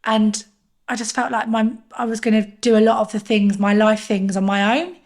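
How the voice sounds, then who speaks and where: A woman in her thirties, a podcast guest telling a personal story in an earnest, emotional way, often halting and restarting. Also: mid-range voice, level tone, darkish tone.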